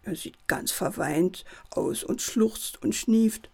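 A woman narrating a children's bedtime story in a gentle, lively way. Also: medium pitch, takes it slowly, creaky, breathy edge.

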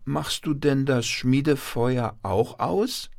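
A man's voice: mid-range voice, slow, creaky, a little mellow, pitched above the performer's own voice. A man voicing curious small grandchildren in a bedtime story, asking eager, stammering questions.

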